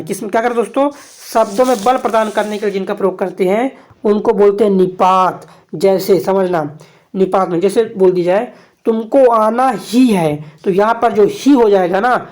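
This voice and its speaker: A woman's voice: mid-range voice, a little mellow. A woman teaches an exam-prep grammar lesson, reading each question aloud and then answering it. She repeats every answer several times and keeps asking her viewers "what?" as she goes. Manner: repeats questions and answers, often asks "kya"; addresses viewers as "dosto". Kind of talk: Hindi grammar quiz lesson.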